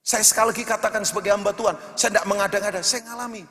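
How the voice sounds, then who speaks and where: Male pastor, animated preacher, high bright voice, long church-hall reverb. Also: rapid-fire. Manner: animated, shifts between shouting and hushed storytelling. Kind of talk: sermon.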